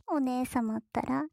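A woman voicing a playful, teasing younger sister in a whispered role-play, giggling and drawing out her words in a husky voice. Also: high voice, dry recording, studio quality, heavily acted.

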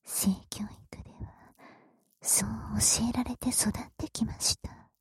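Woman voicing a noble older sister, whispered role-play, very breathy, slow, formal ladylike manner, dry close mic. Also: on the high side, level tone, dry recording. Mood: soft, devoted. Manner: courteous, formal ladylike speech. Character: polite noble older sister, doting on hero.

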